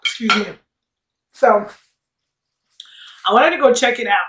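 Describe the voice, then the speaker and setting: A woman's voice: on the high side, unhurried, a bit bright. A woman in her late thirties chatting casually to camera over a meal, sassy, playful and rambling, as a mukbang vlogger. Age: late 30s. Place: indoors, seated at a table. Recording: roomy echo, distant mic.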